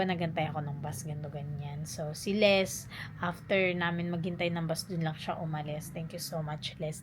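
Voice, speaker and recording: A woman's voice: low-pitched, noisy background. Chatty young woman telling a story. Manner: chatty, animated storytelling, mixes English phrases. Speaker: vlogger. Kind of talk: casual storytime vlog.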